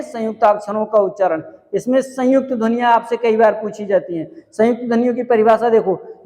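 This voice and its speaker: High-voiced man teaching in an echoing hall. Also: darkish tone. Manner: asks the class questions and answers them himself, repeating key points slowly. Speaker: Hindi teacher. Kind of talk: exam-prep grammar lecture.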